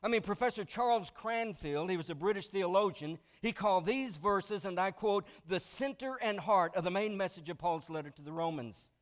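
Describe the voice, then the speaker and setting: A man's voice: high voice, normal speed, hardly any pauses. A male pastor preaching a sermon, telling jokes and teaching with frequent "I mean" asides. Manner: animated storytelling with frequent "I mean".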